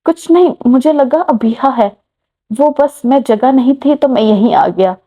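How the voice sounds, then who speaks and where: A woman's voice: high voice, a little slow, dark tone, pitched above the performer's own voice. Woman voicing a teasing young man. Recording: muffled lo-fi recording.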